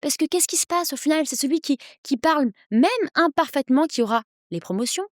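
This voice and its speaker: A woman in her thirties, an English coach, speaking persuasively as a podcast guest, with energetic quick bursts. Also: high-pitched, no room sound, studio quality. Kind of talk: podcast interview.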